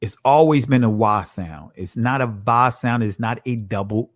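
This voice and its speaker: A man teaching from slides, slow and emphatic, asking his listeners rhetorical questions. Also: medium pitch, dry recording, clean studio sound.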